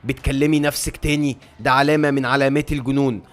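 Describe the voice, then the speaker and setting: A man's voice: medium pitch, flat delivery, fast talker, lightly acted. A man voicing a cold, threatening nobleman who mocks his wife, with an Egyptian accent. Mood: menacing. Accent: Egyptian Arabic. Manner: mocking, threatening. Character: cold menacing nobleman husband, tyrant.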